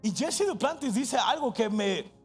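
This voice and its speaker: A man with a Mexican Spanish accent preaching a sermon as pastor, impassioned, switching between quick asides and slow, stressed phrases, and shouting at the peaks. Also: very high voice, animated, slightly rough, faint music behind.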